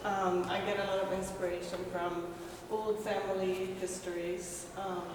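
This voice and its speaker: A woman from Sweden, a native Swedish speaker, talks informally about her own paintings, with plenty of ums and small restarts. She stands well away from the microphone in a big gallery, so her voice carries a long echo. Loud background noise runs underneath. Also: medium pitch, level tone, measured pace, far from the mic. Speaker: painter giving an artist talk. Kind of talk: casual gallery talk. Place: large museum gallery.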